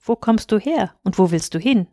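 A woman's voice: mid-range voice, animated, moderate pace, mellow, no room sound, studio quality, natural voice. A woman voicing a kind, earnest young prince in a fairy tale reading.

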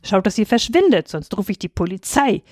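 A woman voicing a greedy male tanner who talks scornfully and a little lower than her narration. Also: big pitch swings, a little fast, darkish tone, no room sound, studio quality.

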